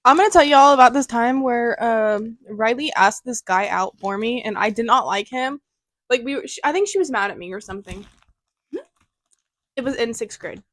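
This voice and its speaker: A woman's voice: on the high side, normal speed, a bit bright, dry recording. A young woman from the co-hosting a podcast, telling stories in a chatty way with playful asides. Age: young adult. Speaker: podcast co-host. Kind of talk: casual chat.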